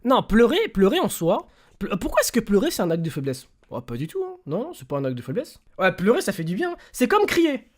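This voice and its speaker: Young guy streamer, animated storyteller, slangy chat. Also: high voice, fairly quick. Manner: animated storyteller, slangy, swings between loud bursts and quiet mumbling. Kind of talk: casual livestream chat.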